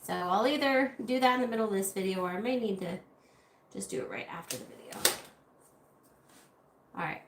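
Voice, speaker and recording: A slightly congested woman hosts an art channel livestream, chatting casually with viewers while crafting. Her medium-pitched voice is fairly quick, and she pauses often. The audio is roomy, carrying faint room noise.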